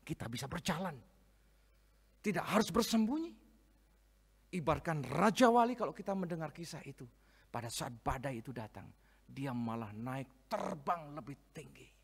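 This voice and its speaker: A man preaching a sermon, swinging from soft asides to loud, emphatic reading of scripture. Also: medium pitch, lively intonation, normal speed, creaky, slightly rough. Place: church hall, live-streamed service. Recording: long reverb of a church hall.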